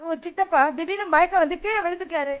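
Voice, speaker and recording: A woman's voice: very high-pitched, fast talker. An actress playing a panicked middle-aged wife, pleading and sobbing over her collapsed husband. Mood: frightened. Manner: sobbing, pleading, repeating calls. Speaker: wife in a TV serial. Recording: dramatic background music.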